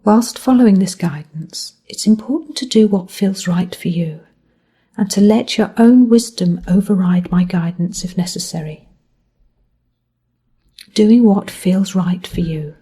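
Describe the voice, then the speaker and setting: Leading a body scan, this female mindfulness instructor speaks at a medium pitch with a husky, breathy grain and a soft, mellow quality. She shapes every phrase with gentle, measured care and lets the close of each one drift off quietly.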